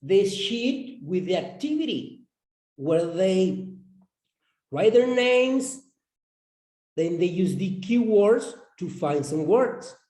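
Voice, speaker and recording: A man explaining his classroom lesson plan as an English teacher, halting and repeating words as he goes. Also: high-pitched, very animated, warm tone. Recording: roomy echo.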